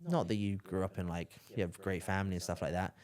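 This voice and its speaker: Talking fast in a low, darkish voice with a steady tone, a young man from southern England chats casually as a podcast host. His sentences tend to fade out with fillers and tag questions.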